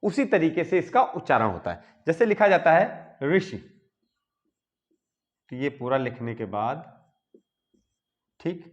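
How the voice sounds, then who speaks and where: A man's voice: fairly high pitch, sing-song, muffled recording. A man teaching Hindi grammar, explaining step by step and checking in with "okay" between points. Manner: slow, repeats "ठीक है" between points. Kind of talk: explaining at a board.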